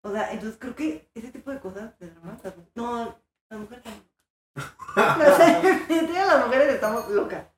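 A young woman with a Mexican accent, an animated storyteller who acts out the voices in her story. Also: on the high side, moderate pace, very echoey. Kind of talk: casual chat.

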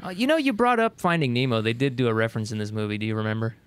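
A man's voice: mid-range voice, lively intonation, racing, clean tone. A man trading dry wisecracks and teasing the others in a casual podcast chat. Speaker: podcast co-host.

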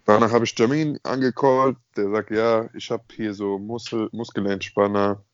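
A man's voice: on the low side, fairly even intonation, normal speed, no room sound. Slangy young man on a dull call recording. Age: young adult. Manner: slangy, emphatic, peppered with filler address words. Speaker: podcast co-host. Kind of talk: casual chat and storytelling. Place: at home on an internet call. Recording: slightly dull internet call audio.

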